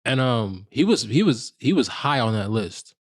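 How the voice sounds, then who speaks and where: A man's voice: medium pitch, very animated, moderate pace. Male podcast co-host, casual banter, teasing, slangy, mid-range voice. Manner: laid-back, teasing, slangy. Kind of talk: casual banter about fashion and basketball.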